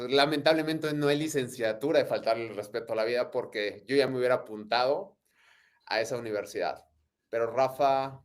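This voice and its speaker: A Mexican man in his thirties, a guest in an interview, talking in a reflective, joking way. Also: medium pitch. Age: 30s. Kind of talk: casual interview.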